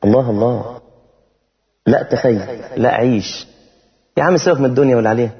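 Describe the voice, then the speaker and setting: A man preaching with an Egyptian Arabic accent, talking casually and lively, then slowing down to chant verses in a melodic tone. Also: medium pitch. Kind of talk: sermon. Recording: dull sound with long hall reverb.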